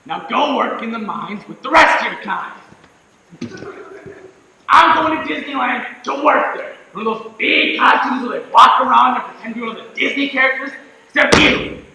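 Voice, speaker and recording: A man's voice: high-pitched, lively intonation, moderate pace, hardly any pauses, pushed and bright, exaggerated voice. A man playing the devil as a dramatic young grandson, exclamatory and melodramatic in a comic stage play. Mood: wailing, furious. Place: theatre stage. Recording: roomy stage, distant mic, faint noise.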